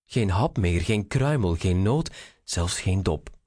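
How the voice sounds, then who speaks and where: A man reading a rhyming children's story aloud, slow, expressive and sing-song. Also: sits low, no echo, studio quality.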